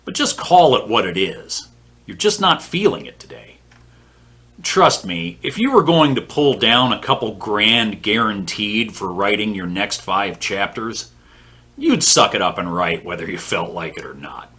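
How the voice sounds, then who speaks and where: A man's voice: fairly low pitch, expressive, measured pace, pushed and bright. A man in his fifties hosting a writing-advice vlog from his home office, blunt and scornful, swearing now and then. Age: 50s. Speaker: author and vlog host.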